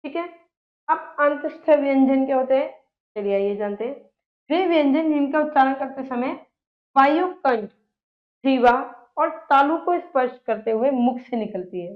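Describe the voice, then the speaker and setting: A woman teacher giving a grammar lesson, asking her own questions and answering them, often checking in with "okay" and reciting letters slowly and with emphasis. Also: high-pitched. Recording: dull lo-fi recording.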